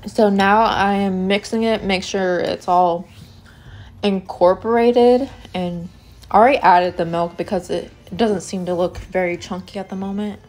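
In her home kitchen, a young woman with a medium-pitched, darkish voice vlogs while cooking, speaking at a measured pace with fairly even intonation. She rambles with lots of "like" and "um" on a noisy home recording.

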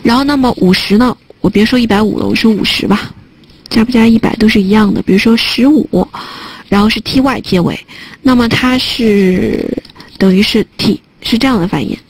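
A woman's voice: a little high, moderate pace, darkish tone, breathy edge, rough recording. A woman teaching a test prep listening class online, chatting and joking as she types notes on a whiteboard. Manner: chatty, joking aside while typing on a whiteboard.

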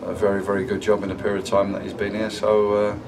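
A middle-aged man, a football manager, answering post-match questions in a measured, subdued way with many pauses. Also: on the low side, completely flat delivery, recorded from a distance, crowd noise, low-quality recording. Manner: measured, subdued, halting with fillers. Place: indoor club room, sponsor wall.

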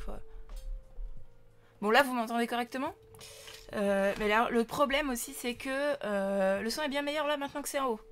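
A young woman from France chats on her live stream into a desk microphone, her voice sitting a little high. She talks loosely and warmly to her viewers, full of fillers and greetings, with faint music underneath. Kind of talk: casual live-stream chat.

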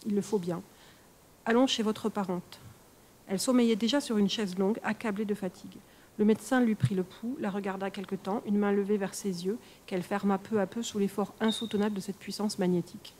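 Mellow woman reading a horror tale. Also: mid-range voice, slight background noise. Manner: measured, expressive storytelling. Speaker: reader. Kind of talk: live-streamed reading of a horror story.

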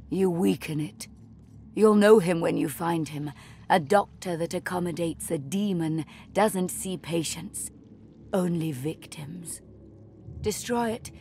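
A woman playing an anguished, solemn tree spirit in a video game, with a grave, halting dramatic delivery. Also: medium pitch, slight background noise.

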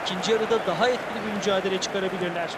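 A man performing as an opinionated football pundit for a video game. He speaks quickly in a high voice, with analytical full sentences over a very loud stadium crowd. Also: steady tone, heavy background noise, close to an everyday voice.

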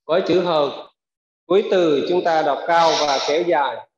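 A man teaching pronunciation, saying each word slowly twice for learners to repeat and patiently explaining rules. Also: on the high side. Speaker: language teacher. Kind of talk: pronunciation drill lesson. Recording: echoey hall, dull lo-fi sound.

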